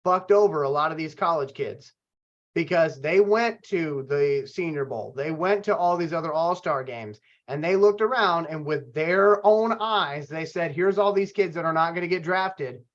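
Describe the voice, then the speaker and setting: A man's voice: on the high side, normal speed, muffled recording. A man hosting a casual sports podcast over a video call, opinionated and swearing freely. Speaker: podcast host.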